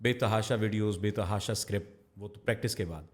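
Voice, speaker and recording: Measured man speaking with polish. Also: on the low side. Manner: measured, quotes poets and sayings, slows for emphasis. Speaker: podcast guest, voice-over artist. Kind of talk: reflective conversational interview.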